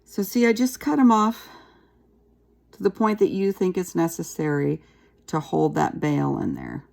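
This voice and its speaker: Gravelly-voiced woman teaching a craft. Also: on the low side, unhurried. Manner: chatty, relaxed, talks while working with her hands. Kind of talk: casual craft tutorial.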